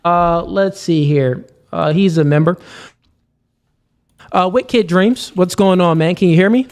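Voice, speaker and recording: A male stream host speaks in a slightly higher voice over an online call mic. He is laid-back and casual, and he keeps calling people man. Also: a little slow, darkish tone. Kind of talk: casual livestream chat.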